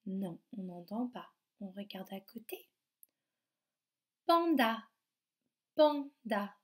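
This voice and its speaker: A woman teacher with a French accent gives a remote lesson to young children, stretching out words and articulating slowly and clearly. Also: medium pitch, steady tone, mellow.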